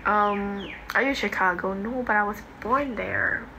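In an unhurried, medium-pitched voice, a young Singaporean woman hosts a relaxed livestream, offhandedly reading and answering comments with plenty of slang. The phone at arm's length in her bedroom catches clear background noise.

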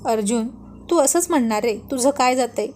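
A woman voicing a panicky, quick-tempered young wife who scolds and pleads with her husband. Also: on the high side, expressive, heavy background noise, lightly acted. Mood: flustered scolding.

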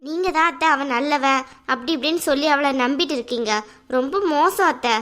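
A woman voicing a sharp-tongued young woman in an animated family drama, sarcastic and scornful. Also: sits high, brisk.

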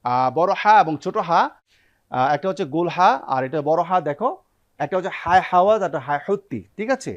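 A man's voice: a little high, lo-fi sound. A man with a Bangladeshi Bengali accent, hosting a Quran recitation lesson in a television studio and leading students through repeated pronunciation drills. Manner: leads students in call-and-response drills. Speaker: Quran recitation teacher and host. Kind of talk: TV classroom lesson.

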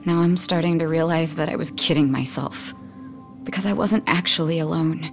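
In English game voice acting, an actress plays a blunt, wounded young woman, speaking frankly and emotionally with a regretful mood. Her voice is low-pitched and moderately paced, with faint music behind it.

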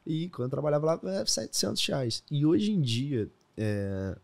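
A man's voice: fairly high pitch, big pitch swings, normal speed, vocal fry, darkish tone. A young man in his twenties with a Brazilian Portuguese accent, a guest telling stories in a casual podcast interview and laughing often. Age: 20s. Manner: storytelling, laughs often, says "velho". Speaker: guest trader.

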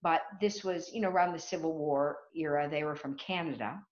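A woman's voice: low voice, a little fast, darkish tone, roomy sound, lo-fi sound. A woman guest telling stories vividly in conversation, acting out the people she quotes. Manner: vivid storyteller who acts out quoted voices. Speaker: guest speaker on children's reading. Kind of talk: animated storytelling in conversation.

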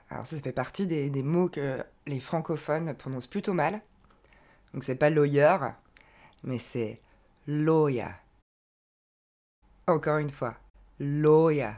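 In a pronunciation lesson, a woman with a low-sitting, slightly mellow voice models each English word slowly and clearly, repeating it. She offers encouraging explanations in between.

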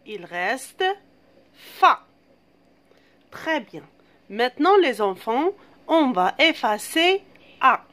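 Slow, patient woman teaching letters. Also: high voice, sing-song, fairly bright tone. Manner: slow, patient, drawn-out syllables. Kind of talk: classroom phonics lesson.

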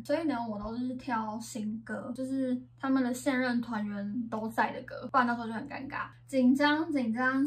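A young woman with a fairly high voice and a Taiwanese Mandarin accent gives casual, expressive game commentary. Her speech is slightly lisped from wearing retainers, and she sounds a little away from the microphone. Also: recorded from a distance, low-quality recording. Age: young adult. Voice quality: slight lisp from wearing upper and lower retainers. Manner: playful, expressive, self-talking. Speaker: gaming vlogger. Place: indoor room at home.

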